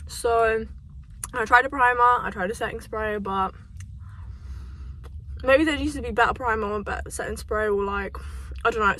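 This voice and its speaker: A woman's voice: fairly high pitch, fairly bright tone. A young woman in a casual vlog chat, talking in a chatty way with "like" in nearly every line. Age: young adult. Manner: chatty, fillers of "like" throughout. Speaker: vlogger.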